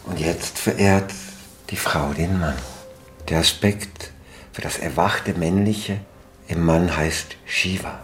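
A man who teaches tantra, explaining a ritual gently in an interview clip. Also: sits low, slow, faint music behind. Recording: faint background noise.

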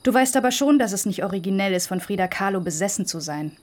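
A woman's voice: medium pitch, lively intonation, fast talker, a little mellow, lightly acted. An actress voicing a reserved older sister in her twenties who talks curtly in a dubbed drama. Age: 20s. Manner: curt, reserved. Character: guarded older sister in her twenties, back after years away.

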